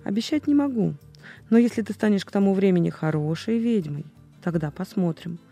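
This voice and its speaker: A woman doing a stern booming chief witch. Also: fairly quick, warm tone, faint music behind, close to an everyday voice. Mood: measured.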